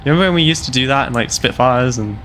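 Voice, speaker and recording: A man's voice: mid-range voice, fast, a bit bright, slight background noise. Playful young British-sounding man. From Canada. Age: 20s. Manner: playful, teasing, laughs often. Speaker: streamer host. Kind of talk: casual gaming chat.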